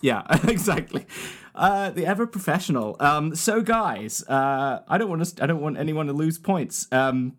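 A host running a casual word game, giggly and quick to swear. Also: animated. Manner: giggly, swears casually, rapid pitch jumps when laughing.

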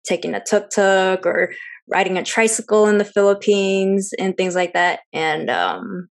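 A woman's voice: mid-range voice, a little slow, creaky. A young woman from Seattle, co-host of a travel podcast, chatting in an interview with lots of fillers and easy laughs. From Seattle, United States. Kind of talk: casual interview chat.

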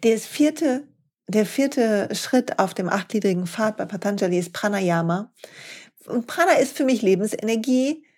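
A woman with a mid-range voice hosts a yoga podcast. She talks with eager enthusiasm, then slows down to guide listeners through calm breathing exercises. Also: medium pitch. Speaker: podcast host and yoga teacher.

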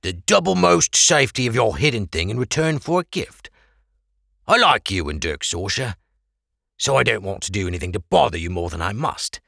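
A man's voice: fairly low pitch, sing-song, normal speed, creaky, sharp tone, dry recording, clean studio sound, full character voice. A man voicing a scheming male merchant neighbor who speaks in odd, stilted phrases. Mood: threatening.

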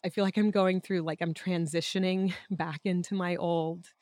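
A woman co-hosting a podcast, hoarse and raspy from a cold, chatting in a reflective way with many fillers. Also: lowish voice, fairly even intonation, normal speed, a little mellow, dry recording, clean studio sound. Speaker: podcast co-host. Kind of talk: casual chat.

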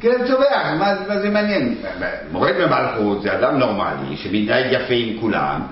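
A man's voice: mid-range voice, big pitch swings. Guy teaching a bible class, lots of restarts and ums, big echo, muffled recording. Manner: halting, many restarts and fillers. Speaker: Torah teacher.

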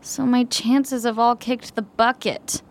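Hungover anxious young woman, sardonic, bit high, noisy background. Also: level tone, slow. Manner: sardonic, frantic rhyming dialogue.

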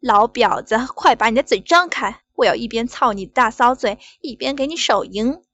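Woman reader doing domineering male bank manager in an adult audio story; loud, coarse, high airy voice, dry lo-fi. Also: expressive, moderate pace, no room sound.

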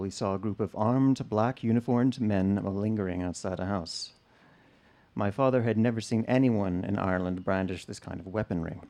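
A man from the United States telling a personal family story to an audience in a measured, explanatory way. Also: fairly low pitch, warm tone.

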